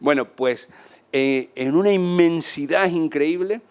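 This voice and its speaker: A man from Spain with an Andalusian accent, telling travel anecdotes in a casual, animated way and acting out the voices of people he met. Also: fairly high pitch, takes it slowly, clear, resonant tone. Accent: Andalusian Spanish. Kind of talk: casual storytelling talk.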